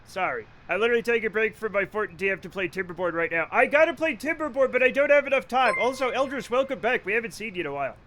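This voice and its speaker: A man's voice: high-pitched, lively intonation, fast, few pauses, bright, forceful tone, slight background noise. A man from Rhode Island chatting casually on a live game stream, rambling, joking, cursing freely and laughing often. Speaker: livestreamer. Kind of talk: casual live-stream chat while gaming.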